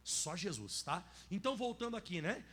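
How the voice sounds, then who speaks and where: Male pastor giving a faith lesson, pretty high voice, keeps throwing in "né?", chatty sermon vibe. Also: sing-song, normal speed, pushed and bright. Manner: conversational, tags lines with "né?" and "ó"; acts out dialogues in different voices. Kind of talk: teaching a faith course sermon.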